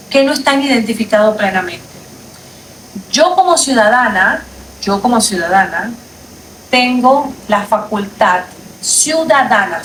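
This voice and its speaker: A woman with a fairly high voice delivers an emphatic, indignant livestream statement, hammering her points again and again. The sound is roomy and set back from the mic, with faint noise behind her. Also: fairly bright tone. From Panama. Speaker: lawyer. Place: outdoors at night on a street. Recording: echoey, distant from the mic, faint background noise.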